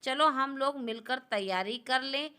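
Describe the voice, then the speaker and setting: A woman voicing a warm, welcoming mother-in-law who speaks affectionately. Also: sits high, a little slow, clear, resonant tone.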